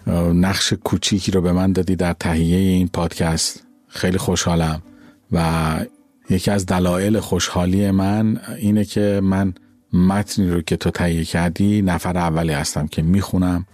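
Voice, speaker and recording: A man who mixes the podcast, speaking a playful, thankful message with halting pauses. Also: sits low, level tone, darkish tone. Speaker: podcast sound engineer. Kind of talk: casual spoken message.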